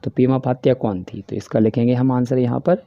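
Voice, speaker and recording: Speaking with a Hindi accent, a man works through a class worksheet, reading the English questions slowly and explaining each answer step by step. His mellow voice sits at medium pitch with fairly even intonation, and the dry recording has a dull, lo-fi voice-over quality.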